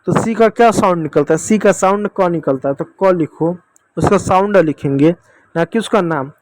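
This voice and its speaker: A man's voice: high voice, normal speed, a little mellow, no room sound. A man teaching children English phonics, patiently asking questions and answering them himself. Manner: repeatedly addresses kids as dear children.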